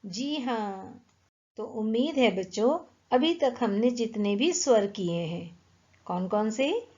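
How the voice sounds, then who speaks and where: Slow, careful woman teaching young children. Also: a little high, lively intonation, mellow. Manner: slow, careful word-by-word pronunciation, repeating each word. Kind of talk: children's Hindi reading lesson. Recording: dull lo-fi recording.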